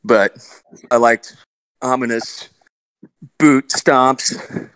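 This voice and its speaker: A man's voice: medium pitch, expressive, moderate pace, a bit bright, no room sound, rough recording. A man answering fan questions as a voice actor on a convention panel, joking and teasing the other guests. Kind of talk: casual panel Q&A.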